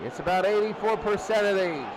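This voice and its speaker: A man calls a football game live on radio, his high-pitched voice a little fast as he restates plays in quick bursts. Crowd roar from the stadium makes the recording very noisy.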